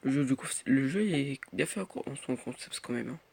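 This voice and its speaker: A man's voice: medium pitch, expressive, fairly quick, vocal fry, darkish tone, husky. A teenage boy giving casual gameplay commentary, rambling with many fillers and muttering at the game. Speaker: gaming youtuber. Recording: noisy home recording.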